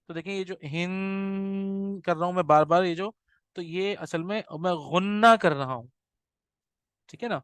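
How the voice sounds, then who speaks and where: Clear-voiced male recitation teacher. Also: sits high, dry recording. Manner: patient, checks understanding often with "right?"; demonstrates slow drawn-out nasal recitation. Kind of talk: explanatory class lecture.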